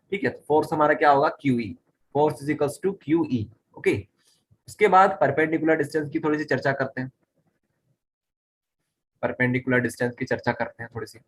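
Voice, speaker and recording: Explaining physics at a whiteboard, a medium-pitched male speaker repeats key phrases and often stops to check that his students are following. Slight background noise can be heard.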